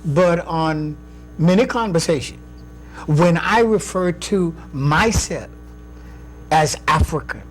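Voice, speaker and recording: A man hosting a talk show speaks with a somewhat raised pitch. He poses questions and shares his views in a measured way, pausing on fillers as he thinks. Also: soft background music. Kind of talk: conversational interview.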